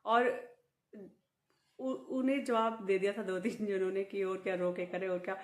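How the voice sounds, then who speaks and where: A woman's voice: mid-range voice, steady tone, moderate pace. A middle-aged woman vlogging in casual chat to the camera, laughing often as she talks. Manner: laughs often while talking. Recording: echoey room.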